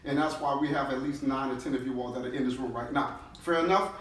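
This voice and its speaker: Leading his staff through a team-building session, this middle-aged chief executive from New Orleans talks fast at a medium pitch, with fairly level intonation and a slightly bright tone. His motivational speech is emphatic and peppered with quick check-in questions. Audio comes from a far-off mic in an echoey space with light background noise.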